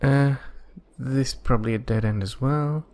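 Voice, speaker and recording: A man's voice: mid-range voice, unhurried, darkish tone, a little hiss or hum. A man giving casual gameplay commentary as he plays through a video game. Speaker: gamer, let's play commentator.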